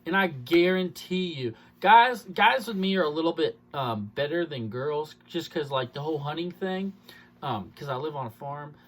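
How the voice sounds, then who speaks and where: A man's voice: a little high, a bit bright, a little hiss or hum. Rambling young salesman. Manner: rambling, filler-heavy, acts out quoted customers. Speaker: car salesman. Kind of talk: casual advice talk.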